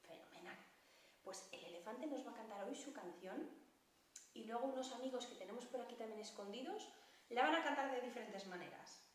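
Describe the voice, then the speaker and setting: Brief: lively children's music teacher, woman, bright higher voice, booming room echo. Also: brisk, slight background noise. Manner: animated, playful, talking to children. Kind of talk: children's music lesson with puppets. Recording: very echoey, distant mic.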